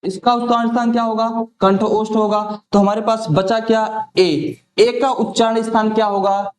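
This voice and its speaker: A man's voice: high voice, little pitch movement, normal speed. A male teacher running an exam-prep lesson, who asks each question aloud and then answers it himself. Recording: echoey room.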